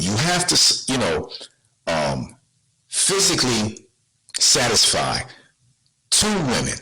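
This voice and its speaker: A man's voice: medium pitch, bright, forceful tone, breathy edge, rough recording. A man hosting a podcast, talking casually and bluntly to his viewers, full of rhetorical questions and slang. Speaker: podcast host.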